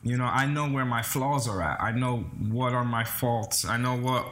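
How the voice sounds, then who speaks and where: At normal speed, with fairly even intonation and a fairly bright mid-range voice, a Bronx singer-songwriter answers interview questions amid slight background noise. Having spent early childhood in the Dominican Republic, he speaks casually and earnestly, hesitating and repeating himself.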